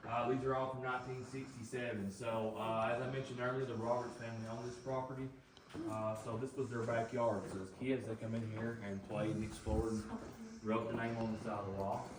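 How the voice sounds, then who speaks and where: A man's voice: mid-range voice, level tone, a little fast. A man with a Southern US accent working as a cave tour guide, talking informally to visitors in a folksy, joking manner. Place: inside a limestone cave. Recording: echoing cave, distant mic, noisy.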